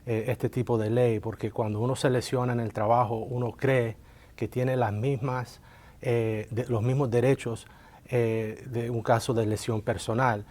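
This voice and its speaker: A workers' compensation lawyer, born in Colombia and raised in Miami, explains the law in interview answers as a guest. His mid-range, darkish voice is unhurried with little pitch movement, and he sounds hesitant, using many filler sounds.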